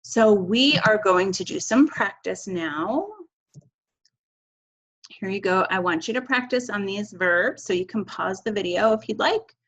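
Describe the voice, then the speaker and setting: A woman's voice: mid-range voice, a little slow, a bit bright, rough recording. A woman teaching Spanish verb conjugation in a recorded video lesson, upbeat and encouraging, chanting endings.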